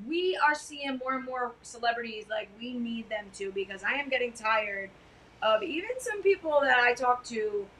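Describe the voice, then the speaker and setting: A middle-aged woman co-hosting a podcast, chatting casually on a couch in a loud, emphatic way. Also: a little high, a little hiss or hum, rough recording. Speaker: podcast co-host. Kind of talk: casual chat. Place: living room couch.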